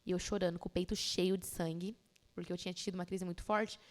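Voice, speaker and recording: A woman's voice: on the low side, fast, big-room sound. A young woman tells a personal testimony in casual chat, acting out what other people said. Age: young adult. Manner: animated storyteller who acts out other people's lines. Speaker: podcast guest.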